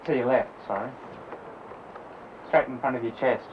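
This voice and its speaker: A man's voice: mid-range voice, steady tone, normal speed. Man on noisy, muffled recording. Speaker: climbing coach. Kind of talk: casual spoken instructions and encouragement. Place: outdoors at a rocky cliff. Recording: dull 1970s location film sound, very noisy.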